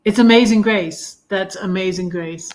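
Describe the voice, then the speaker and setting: A woman in her fifties chatting on a live stream, rambling with many pauses and fillers, sometimes singing a hymn line slowly. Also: medium pitch, darkish tone. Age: 50s. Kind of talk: casual live chat.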